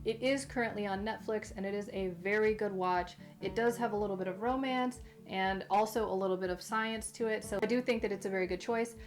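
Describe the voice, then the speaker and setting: A woman's voice: mid-range voice, steady tone, fairly quick, hardly any pauses. A woman hosting a casual, chatty recommendation vlog, speaking with a mouth affected by recent wisdom tooth removal. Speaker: host.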